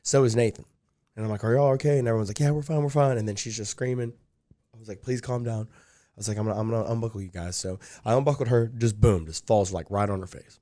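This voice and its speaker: A man's voice: lowish voice, steady tone, fast, dark tone. Rambling guy telling a story. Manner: rambling, many fillers like "like" and "dude". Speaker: podcast guest. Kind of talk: casual storytelling.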